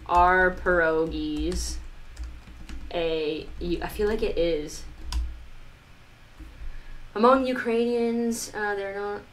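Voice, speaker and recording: This live streamer and music producer speaks in a low-leaning, fairly even voice, drawing out her words and leaving long pauses. She casually rambles to viewers, using "like" often and swearing a little.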